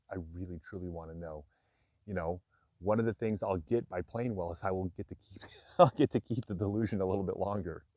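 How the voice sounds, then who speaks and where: In a candid personal talk to camera, a vlogger in his fifties reflects frankly for his viewers, mixing self-deprecating asides with earnest admissions. His low voice sounds close and dry, slightly dull and muffled.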